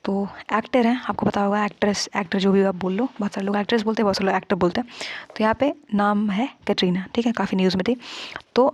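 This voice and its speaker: A woman's voice: mid-range voice, fairly even intonation, fast talker, breathy edge, dry recording. A woman teacher working through past exam questions step by step, often checking in with her students. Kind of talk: exam-prep lesson solving past papers.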